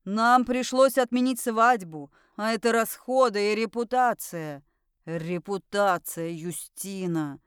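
A woman's voice: on the low side, steady tone, takes it slowly, smooth, dry recording, studio quality, pitched below the performer's own voice. A woman voicing a sugary, spiteful middle-aged noble uncle who speaks through clenched teeth, in an audiobook. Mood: indignant.

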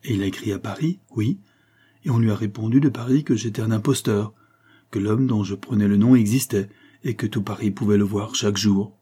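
A man voicing a young melancholy convict and former naval officer in an audiobook, grave, measured and sorrowful, with a husky low voice. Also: warm tone.

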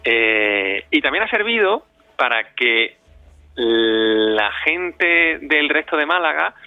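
A community radio director with a fairly high, sing-song voice takes his time answering interview questions. He is reflective and conversational, repeating words often as he searches for the right expression. There's no echo, and the sound is dull, lo-fi and dry.

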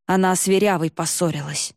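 A woman's voice: lowish voice, fairly even intonation, brisk, no echo, studio quality, natural voice. A woman voicing a cocky young man who talks in slang and mocks others. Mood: slangy mocking. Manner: slangy, mocking.

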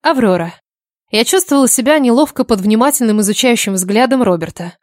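A woman narrates a first-person novel, reading the heroine's own lines with expression. Her voice sits fairly high. The recording is close and dry, with no room sound. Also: a little fast, no echo. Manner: expressive, indignant in dialogue. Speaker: audiobook narrator.

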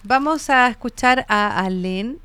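A woman's voice: fairly high pitch, measured pace, bright, forceful tone, smooth, no echo. A Chilean woman hosting a radio show, chatting casually and affirming her co-host.

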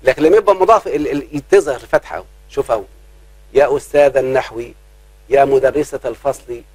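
A man with an Egyptian accent teaching grammar in a live class, checking often whether students follow and drawing out his examples slowly. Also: on the high side, lively intonation, darkish tone, slightly rough, no echo, low-quality recording. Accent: Egyptian Arabic. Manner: keeps quizzing students, slows down to drawl examples.

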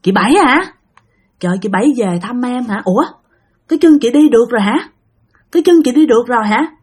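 A woman's voice: on the high side, fast talker, darkish tone, husky. A woman voicing a frail but lucid elderly grandmother who speaks in a tender, pleading tone.

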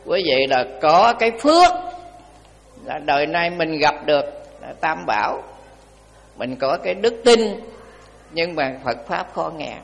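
A man's voice: on the high side, big-room sound. An older male Buddhist monk giving a dharma talk in a colloquial, repetitive, folksy way.

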